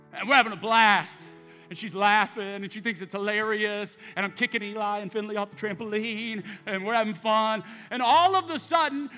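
Male pastor, 30s, high bright voice, passionate storytelling preacher in a reverberant sanctuary. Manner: impassioned, emphatic preaching with storytelling. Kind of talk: sermon. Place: large church sanctuary. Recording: church hall reverb with soft music.

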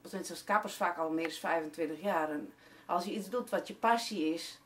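Speaking at normal speed in a lowish voice, a woman in her forties promotes her hair and beauty salon to camera. She hesitates and uses many fillers, and the distant camera mic picks up faint room noise.

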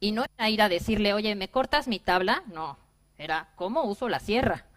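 A woman, giving a personal keynote talk to a seated audience in a bright conference room, lively and acting out her own past remarks. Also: mid-range voice, normal speed. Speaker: conference speaker.

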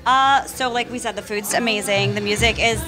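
A woman's voice: medium pitch, fairly even intonation, fairly quick, sharp tone, rough recording. A woman in her early thirties chatting casually as an interview guest at an event. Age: early 30s. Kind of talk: casual chat. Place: indoor event room with wooden floor. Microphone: handheld microphone. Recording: music clearly heard behind.

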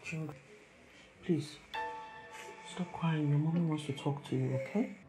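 An actress playing a gentle, soothing Nigerian hospital nurse in a naturalistic film style. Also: female voice, low-pitched, steady tone, measured pace. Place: indoor hospital. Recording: music behind dialogue.

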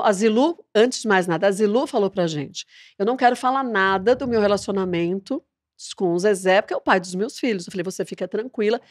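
Fast-talking woman telling a story. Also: medium pitch, no room sound, studio quality. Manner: lively storyteller, acts out dialogue. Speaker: TV presenter and guest. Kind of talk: casual interview chat.

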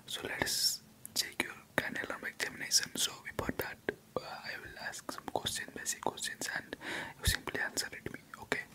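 A man in his twenties doing a whispered role-play as an ASMR examiner, in a breathy, hurried whisper with short phrases. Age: 20s. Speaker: ASMR creator playing an examiner. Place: small indoor room.

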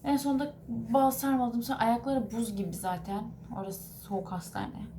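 A woman's voice: on the high side, steady tone, normal speed, warm tone, a little hiss or hum. A woman vlogger and mother talking to the camera, telling a story in a rambling, earnest way and correcting herself as she goes. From Turkey. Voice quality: rambling, self-correcting recounting.

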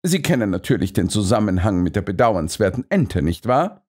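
A man's voice: on the low side, very animated, normal speed, a little mellow. A man reading an audiobook, voicing a shrewd Victorian detective who speaks in a polite, coolly precise and ironic way. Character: shrewd male Victorian detective, calm and cutting.

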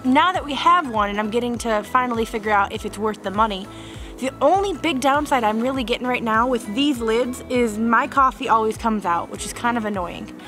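A woman's voice: a little high, animated, brisk, a bit bright, faint music behind. A young woman vlogging on a winter hike in the woods, talking chattily to a handheld camera with lots of fillers. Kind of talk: casual vlog talk to camera.

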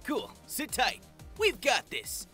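Bright, cocky Sonic the Hedgehog voiced by a man. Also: very high-pitched, wildly swooping pitch, slow pace, exaggerated voice. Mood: breezy, confident. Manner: breezy, teasing, self-assured. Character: cocky, easygoing young male hedgehog hero. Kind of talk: amateur comic dub acting. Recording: music behind the voice.

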